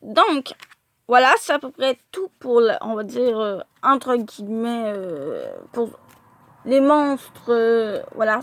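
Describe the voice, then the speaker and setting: A woman's voice: a little high, fairly bright tone. A woman showing her card collection in a casual vlog, hesitant and full of filler sounds as she stumbles over English names.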